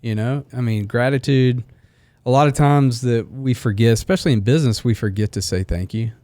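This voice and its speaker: A man's voice: medium pitch, fairly quick, warm tone, no room sound. Casual podcast host, man in his forties, easygoing and reflective, dry close sound. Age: 40s. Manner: easygoing, reflective, laughs often. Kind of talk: casual chat.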